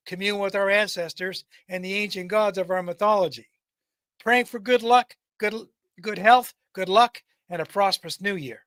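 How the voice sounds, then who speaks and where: Male storyteller, high pitch, scripted podcast narration, occasional stumbles and repeats, very dry close recording. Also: a bit bright, no echo. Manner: stumbles and repeats words while reading. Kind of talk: scripted narration, reading a folk tale.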